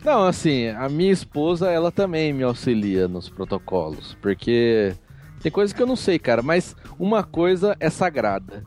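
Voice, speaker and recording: A married man whose pitch rises and swings as he jokes about himself. He talks with emphatic, playful force and often throws in the word for "dude." Faint music runs behind the chat. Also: sing-song, moderate pace, darkish tone. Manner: emphatic, jokey, exclaims "cara". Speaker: podcast co-host. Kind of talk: casual chat.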